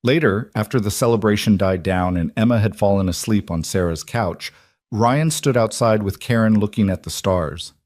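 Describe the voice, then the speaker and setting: A man narrating a romance story in a calm, measured scripted storytelling voice. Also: lowish voice, no echo, clean studio sound.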